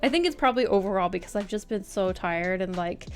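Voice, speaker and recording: A woman's voice: medium pitch, animated, fast talker. A woman chatting informally on a livestream and reading out viewer comments in a giggly, self-deprecating way. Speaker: art livestreamer. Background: music.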